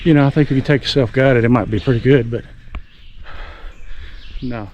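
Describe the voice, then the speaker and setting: A man's voice: mid-range voice, moderate pace, muffled recording. Man vlogging over heavy background noise. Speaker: travel vlogger. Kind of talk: casual vlog chat. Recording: noisy outdoor handheld vlog recording.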